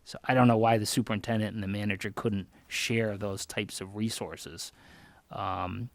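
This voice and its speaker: A man from Connecticut answering interview questions in an earnest, measured way as a job candidate. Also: lowish voice, steady tone, creaky, no room sound. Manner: earnest, measured, thinks aloud. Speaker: job candidate for town manager.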